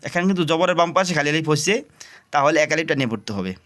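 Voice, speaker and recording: A man teaching an Arabic reading class, explaining rules to his students and then drilling syllables slowly, letter by letter. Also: a little high, lively intonation, a bit bright. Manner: slow, drawn-out syllable drills spelling letters and vowels. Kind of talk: recorded Quran reading lesson.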